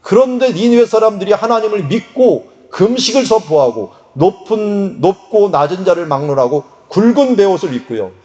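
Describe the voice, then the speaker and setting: A man preaching a sermon in a conversational, lively way, sometimes acting out quotes. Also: high-pitched, highs cut off. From Korea. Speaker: pastor.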